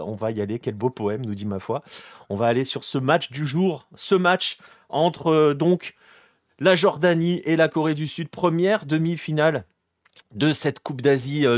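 Relaxed French man hosting football chat. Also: mid-range voice, dry recording, clean studio sound. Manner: relaxed, many fillers, greets chat viewers by name. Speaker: podcast host. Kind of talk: casual live-streamed football chat.

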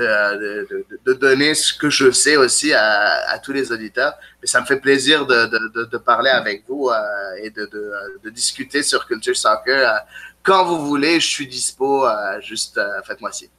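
A man's voice: mid-range voice, bright, forceful tone. A man from Canada, a guest explaining things eagerly in a casual interview. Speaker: guest soccer blogger.

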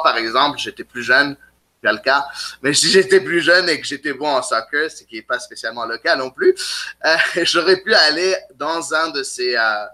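Bright-voiced man, eager guest. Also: mid-range voice. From Canada. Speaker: guest soccer blogger. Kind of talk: casual podcast interview.

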